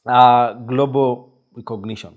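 A man's voice: mid-range voice, steady tone, measured pace, dull audio. A man in his forties with a Kenyan accent, hosting an interview in a small studio, encouraging his guest with many short hums. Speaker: podcast host. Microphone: studio mic on boom arm.

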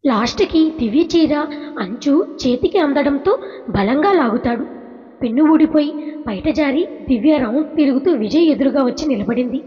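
A woman narrating a story in a gentle, expressive audiobook style. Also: high voice, normal speed. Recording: reverberant, dull lo-fi recording.

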